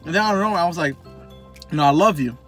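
A man's voice: on the high side, fast talker, music in the background. A young man chatting casually on a couples vlog, telling a story in a rambling way with lots of fillers. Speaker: vlogger. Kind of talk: casual chat.

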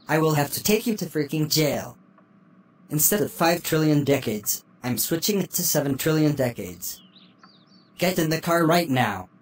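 A man's voice: fairly high pitch, a little hiss or hum, lightly acted. A man voicing a stern police officer in a comic cartoon.

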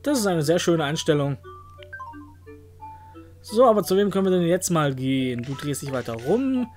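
Jokey let's-play host with a high voice. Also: male voice, big pitch swings, moderate pace, darkish tone, soft background music. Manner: jokey, talks to the game characters, puts on silly exclamations. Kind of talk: playful gameplay commentary.

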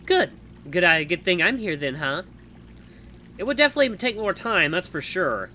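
A man's voice: high voice, sing-song, moderate pace, pushed and bright, slight background noise, pitched above the performer's own voice, heavily acted. A man voicing a teasing, wry female beast-folk villager as he reads a visual novel aloud, with a dry, mocking way of talking.

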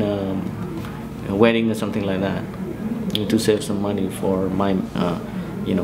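A musician from Vietnam, in his forties, shares personal recollections for an oral history interview recorded in a small bedroom, with noise in the background. His voice is on the low side and Vietnamese-accented. He hesitates and halts, hunting for the right words.

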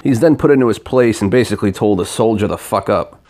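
A man's voice: on the low side, quick pace, darkish tone. A man narrates a comedic video review as a scathing critique. His delivery is sarcastic and foul-mouthed, tearing into his subject as host.

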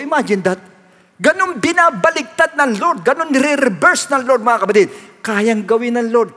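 A man's voice: very high voice, a bit bright. A man preaching a sermon as pastor, emphatic and repetitive, slipping English phrases into his talk. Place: church hall. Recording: long hall reverb.

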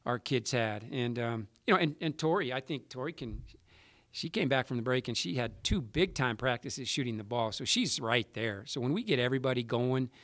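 A man in his forties, a basketball coach answering reporters after a game at a table mic, measured and halting with many restarts. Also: medium pitch, lively intonation, a bit bright, no room sound, studio quality. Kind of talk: post-game press conference answers. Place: press room with sponsor backdrop. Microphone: table mic in front.

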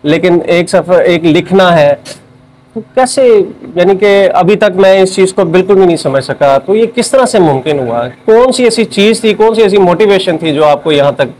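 A man's voice: high voice, expressive, normal speed, darkish tone, a little hiss or hum, low-quality recording. A man in his thirties with a Pakistani accent, hosting a television interview on location. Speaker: TV host and interviewer.

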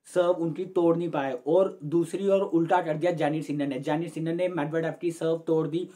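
A man's voice: fairly high pitch, steady tone, moderate pace, mellow. A young man hosting his own sports channel, giving a chatty, casual match analysis straight to camera from a room at home and calling his viewers friends. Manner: gestures with hands while explaining.

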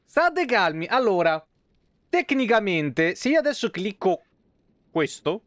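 This thirty-something game streamer chats loosely and swears often from a small room at home, close to an arm-mounted desk mic. His high-pitched voice is sing-song, a little slow and a bit bright, with no echo.

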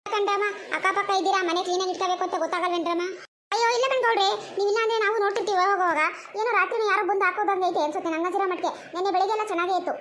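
A woman's voice: very high voice, fairly even intonation, racing, a bit bright, a little hiss or hum. A woman voicing defensive village neighbour women in a cartoon comedy, arguing back. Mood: bickering.

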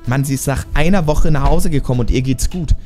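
A man's voice: mid-range voice, quick pace, dark tone, faint music behind. A man giving casual reaction commentary on a TV show, exasperated and talking back at the screen.

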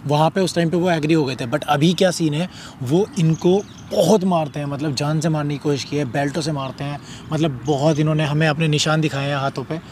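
A man hosting a street prank vlog in a slightly high voice, earnest and reassuring, rambling a little with fillers as he explains. There is faint traffic noise outdoors. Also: fairly even intonation, a little fast, a little mellow. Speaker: prank video host. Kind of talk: casual vlog introduction.

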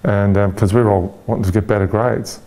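Here an Irish-accented man in his forties, a guest in an interview, speaks frankly and reflectively while pausing often, using fillers and starting over. His lowish voice is mellow and steady in tone.

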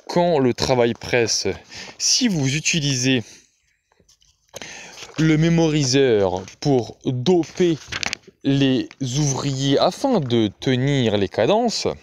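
A man's voice: medium pitch, lively intonation, slow pace, long pauses. A man reading aloud and voicing Gutterson, an ironic novelist who teases in a mocking, sing-song way. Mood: argumentative.

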